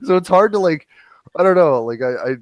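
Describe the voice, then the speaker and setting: A man's voice: on the high side, animated, brisk, no room sound. A man from Germany hosting a casual podcast chat, blunt and profane, laughing often.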